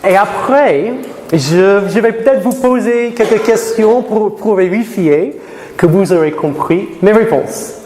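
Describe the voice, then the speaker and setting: A high-pitched man from Florida lectures a class in a lecture room. He talks lively and slows down when he speaks English to learners. His voice rings with a long reverb and a faint hiss behind it. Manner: lively, switches to slow deliberate English for learners. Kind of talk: classroom talk to students. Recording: reverberant hall with faint noise.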